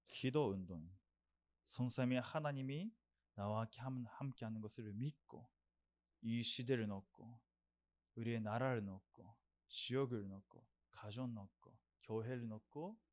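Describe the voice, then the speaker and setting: A young man preaches a sermon with an earnest, repetitive delivery. His voice sits at an ordinary pitch for a man, and now and then he has the congregation repeat declarations after him. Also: a little mellow.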